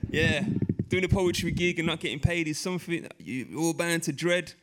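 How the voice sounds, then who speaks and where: A man's voice: fairly high pitch, moderate pace, very noisy. A young man hosting a live poetry event, chummy and rambling, hyping up the audience between acts. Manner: chummy, hypes the crowd, rambling asides. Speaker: event host.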